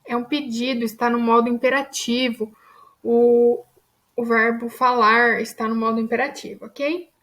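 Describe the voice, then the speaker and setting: A woman's voice: on the high side, flat delivery, moderate pace, a bit bright. Woman teaching a grammar lesson. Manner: explanatory, checks in with frequent "tá?" and "ok?".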